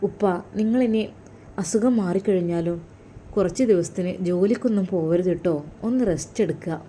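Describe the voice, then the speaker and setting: A woman with a Malappuram accent voicing a kind young man who gently comforts a sick elder. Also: on the low side, brisk, a little hiss or hum, lightly acted. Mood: reassuring. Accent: Malappuram Malayalam. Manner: gentle, reassuring, pleading. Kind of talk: storytelling role-play.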